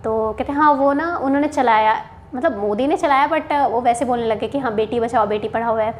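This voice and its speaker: Young woman from haryana, high voice, chatty storytelling vlog, mixes in english, frequent checking-in asides. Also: moderate pace. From Haryana, India. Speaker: bank officer sharing interview experience. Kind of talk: casual storytelling to camera.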